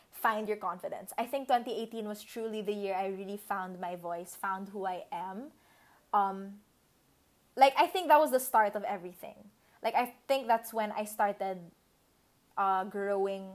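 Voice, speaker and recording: A young woman in her twenties with a Filipino accent talks to her viewers in a relaxed, chatty way. She drops Tagalog words into her English and swears without a second thought. Her voice sits at an ordinary middle pitch for a woman. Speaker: vlogger. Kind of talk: casual reflective chat.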